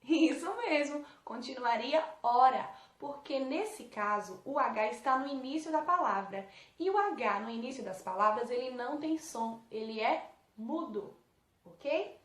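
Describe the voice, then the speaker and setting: Woman, Brazilian Portuguese accent, teacher, patient, fairly high voice, echoey room. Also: expressive, a little slow, a bit bright. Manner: patient, asks pupils questions and answers them. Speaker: primary school teacher. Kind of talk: correcting homework for young pupils.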